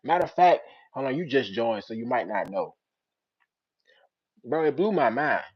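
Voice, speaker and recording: A young man with a Richmond, Virginia accent, hosting a casual live-stream chat with viewers. He uses street slang and breaks into loud teasing. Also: mid-range voice, sing-song, moderate pace, slightly rough, highs cut off. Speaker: channel host.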